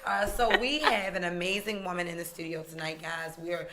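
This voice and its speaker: A woman co-hosting a community talk show, bubbly and playful, chiming in with excitement. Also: lowish voice, brisk, a loud crowd. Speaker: co-host. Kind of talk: upbeat show chat.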